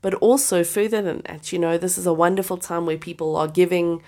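A woman's voice: on the low side, steady tone, a little fast, darkish tone. A woman co-hosting a casual faith chat, enthusiastic and laughing often, her voice a little stuffy from a cold. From Southern Hemisphere. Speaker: podcast co-host.

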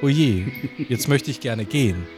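Deadpan man reading over music. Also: mid-range voice, measured pace. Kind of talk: mock-solemn poem reading. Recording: music playing under the voice.

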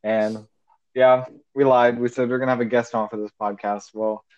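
Heard over a phone call, a teenage boy co-hosts a casual podcast, rambling loosely and saying "like" a lot. His voice is mid-range and darkish, level in tone and normal in speed. The phone audio is muffled and dry with no echo.

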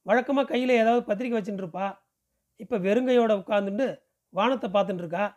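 High-voiced man narrating a novel. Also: a little mellow. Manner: measured first-person storytelling. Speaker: podcast reader.

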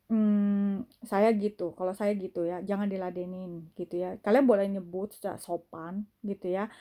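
Mellow-voiced chatty woman giving spiritual advice. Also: mid-range voice. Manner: chatty, repeats filler tags, mixes in English words. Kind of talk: casual spiritual advice talk.

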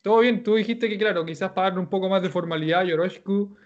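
A man with a Chilean accent, teaching Japanese and giving relaxed, joking feedback in an online class. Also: sits high, fast, dull audio. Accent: Chilean Spanish.

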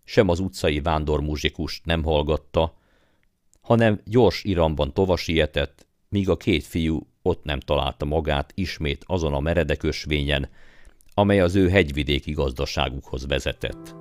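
A man narrating an audiobook in a calm, measured storytelling manner. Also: a bass voice, dry recording, studio quality. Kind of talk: scripted narration.

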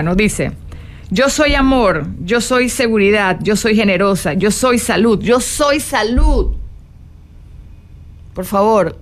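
Playful Spanish-speaking woman coaching viewers. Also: mid-range voice. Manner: warm, playful, directly addressing viewers. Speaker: self-help coach. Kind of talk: motivational live talk to viewers.

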